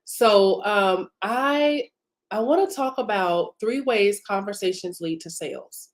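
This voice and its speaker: A woman business coach hosts a live broadcast, teaching casually and chatting with lots of fillers. She is congested from a cough and sore throat, and her medium-pitched voice moves at a slow pace.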